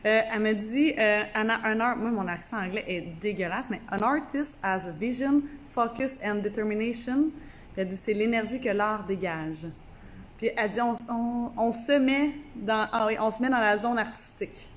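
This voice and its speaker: A woman with a Québécois accent hosts a casual interview, chatty and quick to agree. Her voice sits a bit high. A faint noise runs behind her. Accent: Québécois French. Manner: warm affirming interjections, chatty. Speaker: interviewer and videographer.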